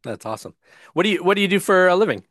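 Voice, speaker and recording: An American man hosting a casual interview, asking halting questions with fillers. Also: high voice, sing-song, a bit bright, no echo, clean studio sound. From United States.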